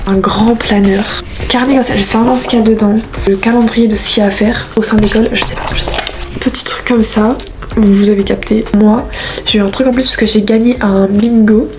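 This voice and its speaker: A woman's voice: medium pitch, background noise. A 19-year-old woman chatting casually to the camera as a vlogger, upbeat and chatty, showing her things as she talks. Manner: chatty and upbeat, lots of fillers, shows items to the camera. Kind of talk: casual vlog chat. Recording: music playing underneath.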